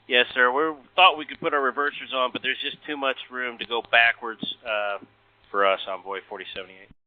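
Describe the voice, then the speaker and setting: A man's voice: medium pitch, steady tone, fairly quick. A man, an airline pilot, speaking hesitantly over air traffic control radio. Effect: radio transmission. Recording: tinny narrow-band cockpit radio.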